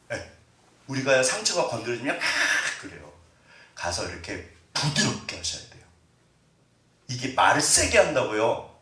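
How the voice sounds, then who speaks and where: A middle-aged pastor preaches in a chatty sermon style, with his pitch rising and falling a lot as he quizzes his listeners. His voice rings around the church sanctuary, picked up from a few steps away. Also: sharp tone. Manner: conversational, quizzes the congregation with questions; acts out family members' words in quotes. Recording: roomy sound, distant from mic.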